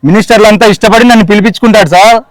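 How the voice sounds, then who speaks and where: A man's voice: sits high, racing, no room sound, poor audio. A man in a comedy sketch, talking in an offhand way.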